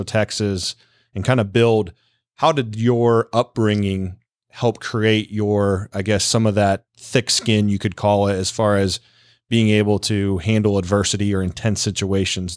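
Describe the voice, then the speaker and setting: A man's voice: fairly low pitch, smooth, no echo. Chatty male podcast host, dry sound. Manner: chatty, rambling questions with restarts. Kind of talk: casual interview questions.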